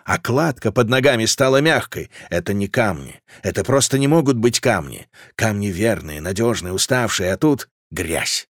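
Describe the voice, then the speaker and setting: A man narrating a fantasy audiobook in a measured, dramatic reading. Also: lowish voice, animated, dry recording, clean studio sound.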